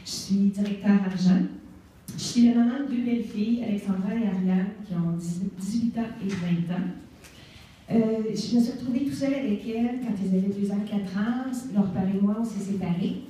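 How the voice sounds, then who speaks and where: A Québécois woman in her forties gives a spoken testimony at an event, chatty and full of fillers. Her voice is dark and mellow. It comes from some way off the mic and echoes heavily around the hall. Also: mid-range voice, moderate pace, recorded from a distance, a little hiss or hum. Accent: Québécois French. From Canada. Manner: warm, conversational storytelling with fillers. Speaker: guest speaker. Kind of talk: personal testimony speech.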